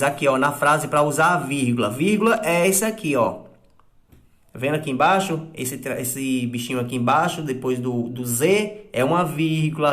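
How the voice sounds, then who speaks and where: Guy teaching kids a lesson, patient, goes step by step, kinda high voice, keeps checking in. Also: a bit bright. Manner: patient, explaining step by step with frequent "tá bom?" checks; acts out sample exclamations in a raised, drawn-out voice. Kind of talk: recorded class lesson for children.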